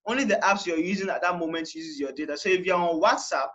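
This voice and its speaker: A man's voice: high voice, fast talker, bright, forceful tone, muffled recording. A young man from Nigeria giving a chatty how-to lesson, often saying "all right" and repeating himself. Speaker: tech tutorial host. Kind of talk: casual how-to explanation.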